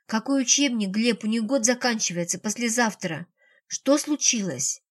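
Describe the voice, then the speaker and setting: A woman's voice: fairly high pitch, normal speed, natural voice. A woman voicing an anxious older mother. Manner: anxious, pleading.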